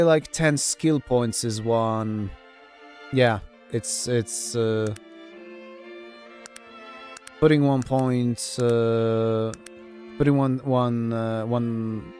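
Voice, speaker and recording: A man giving casual commentary on his own playthrough, halting, repeating words and swearing freely. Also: medium pitch, a little mellow. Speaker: gamer narrating own playthrough.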